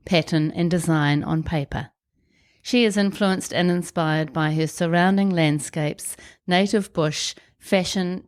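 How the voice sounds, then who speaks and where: A congested woman with a New Zealand accent and a croaky, wheezy, blocked-up voice, hosting a podcast. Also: fairly low pitch. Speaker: podcast host. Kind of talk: podcast introduction and interview chat.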